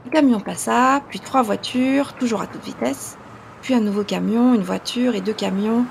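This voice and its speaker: A woman narrating a children's storybook in a gentle, lilting way. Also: a little high, moderate pace, vocal fry, a little hiss or hum. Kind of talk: storybook reading.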